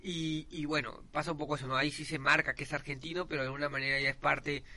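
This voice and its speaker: A man co-hosting a casual podcast debate, opinionated and chatty, often pausing on "eh". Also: fairly high pitch, level tone, bright, forceful tone. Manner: chatty, opinionated, frequent "eh" fillers. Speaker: podcast co-host.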